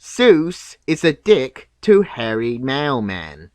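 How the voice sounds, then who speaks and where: A man giving scripted, nitpicking video commentary in a deadpan, sarcastic manner. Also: mid-range voice, slow. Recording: clear background noise.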